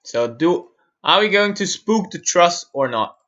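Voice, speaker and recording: A man from Austria, muttering to himself while he works through a software build on a live-stream tutorial and answering viewers' questions. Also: sits high, lively intonation, unhurried, dull audio.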